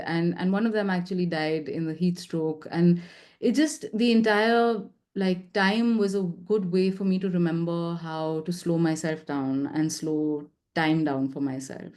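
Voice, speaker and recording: A young woman presenting her work at a seminar, talking fast with lots of fillers and restarts. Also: on the low side, a little mellow. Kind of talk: academic presentation.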